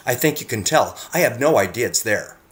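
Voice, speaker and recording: Speaking right to the viewer, a narrator earnestly reads a script about his own photographs. He talks briskly in an animated, mid-range voice with a slightly bright tone.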